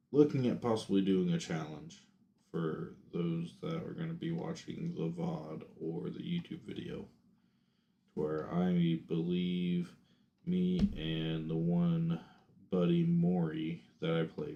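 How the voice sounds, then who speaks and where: A young native English speaker streams a game, chatting casually and thinking out loud with fillers and restarts. His voice sits low and warm, the sound is lo-fi, and faint music and keyboard typing play in the background.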